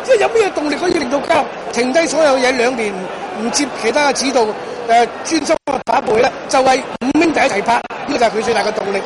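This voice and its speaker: Female interviewee, Hong Kong Cantonese accent, very fast animated storytelling, loud crowd behind. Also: high-pitched. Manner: animated anecdote telling with quoted dialogue. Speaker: film interviewee. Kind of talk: casual press interview. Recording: very noisy crowded event.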